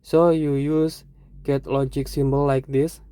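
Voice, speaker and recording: A teacher with an Indonesian accent, explaining a lesson in short, halting phrases and correcting themselves. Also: medium pitch, little pitch movement, warm tone, clear, resonant tone, dry recording.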